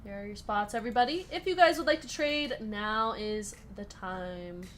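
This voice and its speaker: A woman hosting a live sports card break, chatty and upbeat, reading out names and teams in quick lists and answering viewer comments. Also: mid-range voice, lively intonation, fairly bright tone, a little hiss or hum. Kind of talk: casual live-stream chat while opening card packs.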